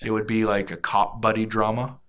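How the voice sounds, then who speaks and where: A man co-hosting a casual podcast chat in a dry, monotone way. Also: lowish voice, fairly quick, background noise. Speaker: podcast co-host.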